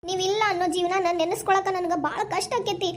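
A woman plays a tender young pregnant daughter in a family cartoon, pleading with her father in North Karnataka Kannada. Her voice is very high and the words come quickly, full of emotion. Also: level tone, slight background noise. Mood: pleading, tearful.

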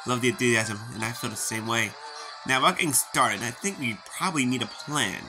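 A man's voice: medium pitch, fairly quick, rough recording. A man playfully reading video game dialogue aloud in character and joking about it as he plays. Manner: playful, reads lines in character and jokes about them. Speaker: gaming YouTuber. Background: game music.

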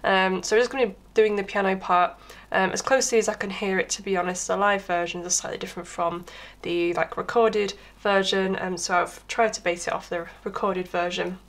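A woman, hoarse from being under the weather, gives a casual piano tutorial, explaining step by step in a chatty way with filler words. Her medium-pitched voice is fairly even and a little fast. A crackling camera mic picks her up alongside piano playing.

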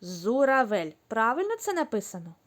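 A woman teaching young children, speaking slowly and clearly, drawing out the syllables. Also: fairly high pitch, very animated. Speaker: kindergarten teacher. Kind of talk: recorded online lesson for young children.

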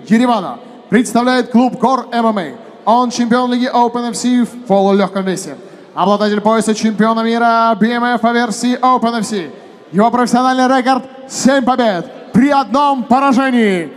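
A man working as a ring announcer, giving booming stage introductions of fighters with drawn-out, shouted names. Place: large indoor arena, inside the fight cage. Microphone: handheld microphone.

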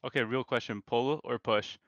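A man's voice: medium pitch, fairly even intonation, moderate pace, fairly bright tone, muffled recording. A man in his twenties from Canada, chatting casually and joking in slang on a video-call date. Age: 20s. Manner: laid-back, joking, slangy. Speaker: dating show contestant. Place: bedroom, indoors.

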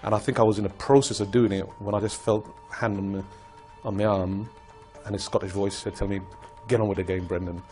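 An older man, a former footballer, telling his story in a measured, reflective way in a documentary interview. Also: on the low side, steady tone, a little mellow, soft background music.

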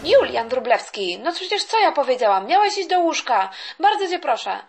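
A worn-out toy-story mom, exasperated and pleading, as a woman plays her. Her voice is high and a touch weary. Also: big pitch swings, normal speed, loud music behind the voice. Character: tired mother sending kids to bed.

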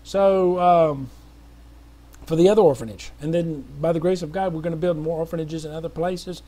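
With a mellow, slightly high voice, steady in tone and at normal speed, a middle-aged missionary makes a casual spoken appeal to viewers. He's earnest and rambling, with many fillers and restarts.

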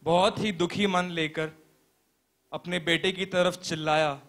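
A young man playing a pastor in a stage play, telling a parable as a sermon in a slow, earnest preaching manner with deliberate pauses. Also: sits high, fairly even intonation, fairly bright tone. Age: young adult.

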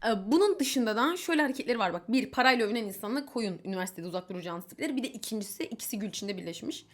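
Fast-talking chatty young woman. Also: a little high, lively intonation. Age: young adult. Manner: chatty, candid, exasperated asides; quotes others in mimicking voices. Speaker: vlogger. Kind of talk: casual storytelling vlog.

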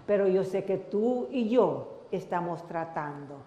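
A woman giving an evening devotional, calling the listener friend and pleading with them gently, often trailing off softly at the end of a phrase. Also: on the low side, expressive, muffled recording. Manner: intimate, addresses listener as friend; slow, pleading, drops to soft trailing tags. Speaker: devotional speaker. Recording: echoey hall, roomy reverb.

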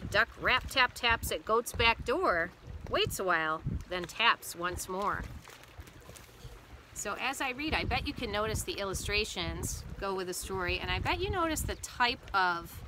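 A woman teacher reading a picture book aloud to children and explaining it slowly, recorded outdoors on a boat. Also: medium pitch, lively intonation, noisy background.

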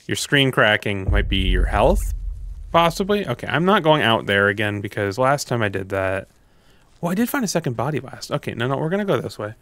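A man's voice: mid-range voice, very animated, fairly quick, a bit bright. Casual man thinking aloud while gaming. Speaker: gamer. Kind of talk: casual horror game commentary.

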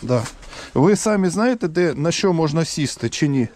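A man working as a volunteer rescuer, calmly and practically giving reassuring instructions to people as he helps them into an evacuation vehicle outdoors. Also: on the high side, moderate pace. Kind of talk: on-the-spot instructions while loading evacuees.

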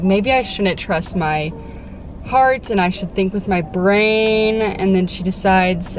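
Sitting in her parked car, a young book vlogger from Texas talks casually into her phone camera at arm's length, bubbly and full of "like"s. Her voice is mid-range, with soft background music underneath. The recording is low quality, carrying a little hiss or hum.

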